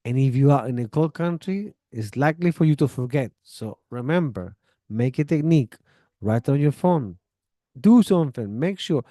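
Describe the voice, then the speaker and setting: A man talks in a relaxed, chatty way, like a teacher giving friendly advice. His voice is mellow and warm, recorded close and dry, with no room sound. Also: medium pitch, dry recording. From Chile. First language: Spanish. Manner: chatty, relaxed, gives friendly advice with acted-out example dialogues. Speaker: English teacher. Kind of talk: casual spoken lesson.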